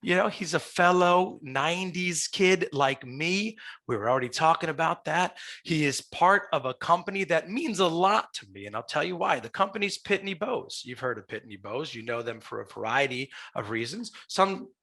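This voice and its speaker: A man with a smoker's rasp, hosting a podcast in a chatty showman's style on a headset mic. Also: a little high, animated, normal speed, pushed and bright. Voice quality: raspy, like a smoker's voice. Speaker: podcast host. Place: small glass-walled office, video call. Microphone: headset boom mic.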